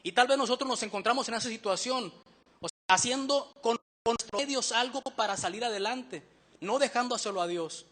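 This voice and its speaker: Preacher guy, high bright voice, earnest, asks the church lots of questions. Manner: earnest, questioning the congregation, slows down to read verses. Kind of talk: sermon.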